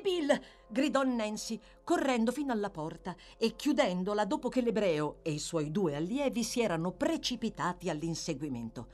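A woman narrating a classic novel in a dramatic, expressive audiobook reading. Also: mid-range voice. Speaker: audiobook reader.

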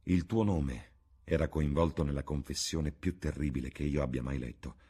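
A grave middle-aged painter, earnest and pleading, as a male reader voices him. His voice is low and a little husky. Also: normal speed, dark tone. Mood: troubled. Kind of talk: audiobook reading.

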